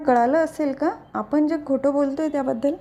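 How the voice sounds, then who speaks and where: Outspoken young wife read by a woman, high mellow voice. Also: steady tone, normal speed. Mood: pleading. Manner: pleading, firm.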